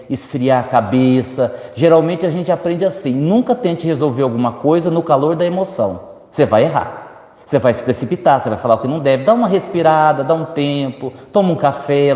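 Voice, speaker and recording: A man with a Brazilian accent giving a spiritist lecture, answering audience questions and acting out the quoted voices of others. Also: medium pitch. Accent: Brazilian Portuguese. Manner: lively, acts out quoted voices, speaks to the audience directly. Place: lecture hall. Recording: echoey hall reverb.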